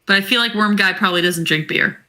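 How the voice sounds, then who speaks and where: A woman's voice: medium pitch, quick pace, bright, forceful tone. A woman playing a tabletop game, chatting casually in a teasing, wry way. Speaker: player.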